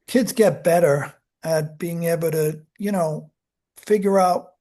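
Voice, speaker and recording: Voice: medium pitch, dark tone. A psychology lecturer explaining child development to a class in a conversational, self-correcting way, acting out examples. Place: lecture room.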